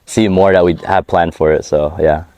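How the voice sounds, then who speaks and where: Crowd noise sits behind this American rapper as he's interviewed casually on an outdoor hike about his music. He's low-voiced and steady at a normal pace, talking in a laid-back, slangy way and laughing often.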